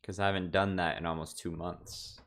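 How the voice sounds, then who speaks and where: A man's voice: deep voice, flat delivery, a little fast, a bit bright. A young man chatting casually on his livestream from home, rambling loosely with lots of fillers and restarts. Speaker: streamer.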